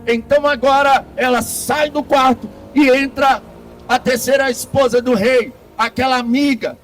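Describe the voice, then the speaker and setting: A man telling a parable in slow, dramatic phrases with deliberate pauses. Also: extremely high pitch, fairly even intonation, faint music behind. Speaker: storyteller. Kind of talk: storytelling a parable.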